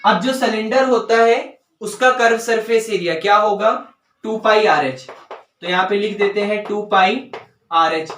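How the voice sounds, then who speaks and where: Man, maths teacher, step-by-step explanation, slow dictation of terms, echoey room, distant mic. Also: high-pitched, a bit bright. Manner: explains step by step, often checks understanding; dictates English terms slowly while writing. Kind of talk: board-work maths lesson. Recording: roomy sound, voice away from mic.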